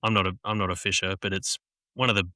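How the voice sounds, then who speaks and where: A man, co-hosting a casual podcast in a relaxed, halting way. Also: sits low, no echo. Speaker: co-host.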